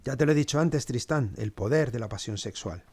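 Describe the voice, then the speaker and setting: A man's voice: mid-range voice, animated, fairly quick, darkish tone, slightly rough, dry recording. A man playing a cynical male servant, telling the story with sardonic, dry asides. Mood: wry. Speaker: podcast storyteller. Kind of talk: scripted two-hander narration.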